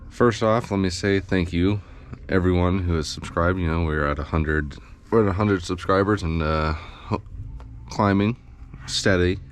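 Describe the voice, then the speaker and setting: A man's voice: deep voice, a little slow, a little hiss or hum. A man explaining a machine repair in a casual, subdued how-to tutorial, thinking aloud as he works in a bowling alley machine pit. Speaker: pinsetter mechanic.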